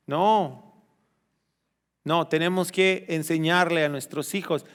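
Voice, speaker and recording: A male pastor preaching a sermon, questioning the congregation and swinging from loud exclamations to hushed, slow emphasis. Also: a little high, clean tone, long reverb tail. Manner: addresses the congregation directly with questions.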